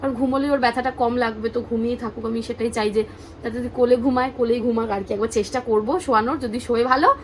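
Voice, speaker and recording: A woman's voice: a little high, steady tone, quick pace, slight background noise, poor audio. A woman, a tired mother vlogging with her baby, switching between cooing baby talk and casual chat to the camera.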